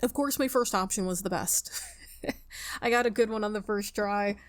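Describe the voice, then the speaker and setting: With music in the background, a woman speaks close to an unfiltered microphone as she hosts a gaming video. Her voice is mid-range and her speed normal, and she comments, reads the game's text, and muses to herself in a chatty, playful way.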